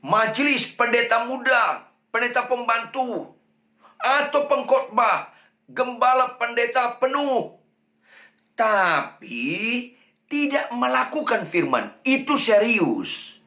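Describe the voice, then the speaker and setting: A man's voice: takes it slowly, bright, forceful tone, echoey room. A man with an Indonesian accent preaching a sermon as pastor, emphatic, repeating key phrases for weight. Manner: emphatic preaching with repetition and pitch swings. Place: church sanctuary.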